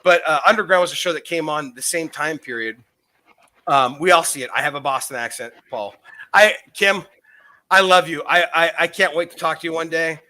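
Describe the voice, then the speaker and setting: Slightly high and fairly quick, the man's bright, forceful voice belongs to a podcast co-host who is intoxicated. His chatter is casual, wandering, full of swearing, and eager.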